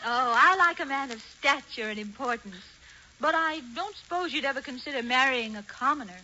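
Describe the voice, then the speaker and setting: Bright, high flirtatious sweetheart Dolores. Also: female voice, lively intonation, a little fast, full character voice. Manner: coy, cooing, dramatic. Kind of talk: 1940s radio comedy acting. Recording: muffled, noisy 1940s radio recording.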